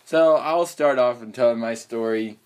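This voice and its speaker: A man's voice: medium pitch, a little slow, a little mellow, clean tone. A young man co-hosting a casual podcast, joking around in a laid-back way. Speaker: podcast co-host. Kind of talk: casual chat.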